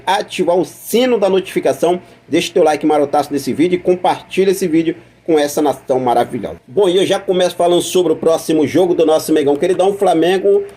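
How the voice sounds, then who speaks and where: A man with a Brazilian Portuguese accent hosts a football news channel, chatting through club news to camera, repeating points and asking viewers questions. His voice is on the high side, dark, and husky, in a casual news commentary.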